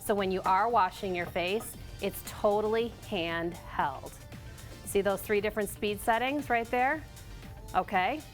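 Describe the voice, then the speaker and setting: A woman's voice: mid-range voice, unhurried, faint music behind. A woman presenting as a lifestyle show host, in conversational sales patter with frequent check-in tags. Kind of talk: presenting products to viewers.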